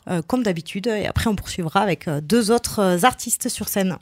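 A woman's voice: mid-range voice, fairly quick. A woman guest in a radio studio, explaining an event in a friendly way with many hesitations. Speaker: studio guest from a club team. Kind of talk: radio interview.

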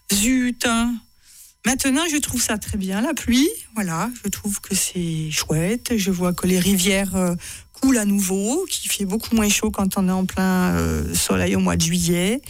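A woman's voice: medium pitch, no room sound. A woman author reading excerpts from her own writing to an audience, chatty and self-mocking, often laughing at her own lines.

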